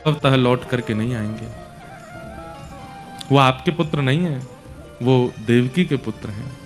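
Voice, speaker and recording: A man's voice: fairly high pitch, a bit bright, lightly acted. A man voicing a solemn older male messenger, hesitant and grave as he delivers hard news.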